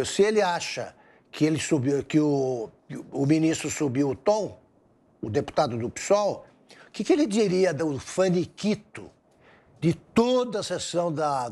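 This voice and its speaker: A male political commentator with a high voice that swings widely in pitch. He talks with scornful indignation and presses rhetorical questions. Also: darkish tone. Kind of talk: heated opinion commentary.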